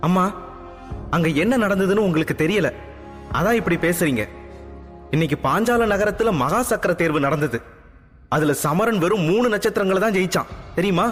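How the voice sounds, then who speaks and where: A haughty, fiery young princess from an audio drama, put on by a male narrator. The voice sits high and leaps through a lively range, quick and indignant. Soft music plays underneath, and a long reverb trails each line. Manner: indignant, complaining, fast and high. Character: young princess, proud, quick-tempered, defiant.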